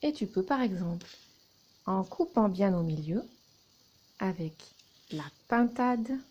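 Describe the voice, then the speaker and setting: A woman teacher talks a young child through a classroom word game at a very slow, careful pace. Her voice is dark and soft, with a husky grain. She spells out letters and splits words into syllables, one at a time. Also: medium pitch, expressive. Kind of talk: recorded lesson for young children.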